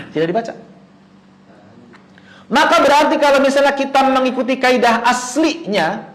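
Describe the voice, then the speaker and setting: A man teaching Quran recitation rules in an online lesson, who poses questions and answers them himself, chanting example words slowly. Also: very high-pitched, fairly bright tone, low-quality recording. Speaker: tajwid teacher.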